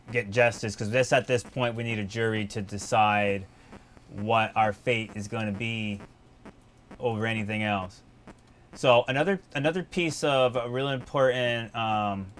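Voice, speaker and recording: A man hosting a casual podcast, talking in a loose, rambling way full of restarts and asides. His pitch sits in an ordinary middle range. A faint hiss of noise runs under the voice. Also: fairly bright tone. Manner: rambling, conversational, with fillers and restarts. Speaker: podcast host and business owner.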